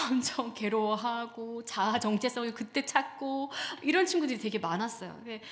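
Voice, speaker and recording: A woman's voice: on the high side, normal speed. A middle-aged woman giving a conversational sermon on talking with teenagers, acting out what parents say. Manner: acts out parent and child quotes in lively voices; conversational, addresses the audience directly. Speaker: church staff speaker. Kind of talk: Wednesday sermon on parenting teens.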